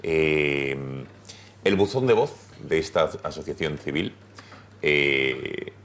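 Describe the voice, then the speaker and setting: A man's voice: a bass voice, takes it slowly, fairly bright tone, a little hiss or hum. A man, a television host presenting a debate show in a studio.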